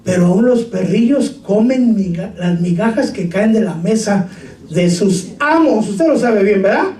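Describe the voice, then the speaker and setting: A male pastor preaching a sermon, shouting scripture and joking with his congregation. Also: high voice, expressive, measured pace. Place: church hall. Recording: echoey room, far from mic.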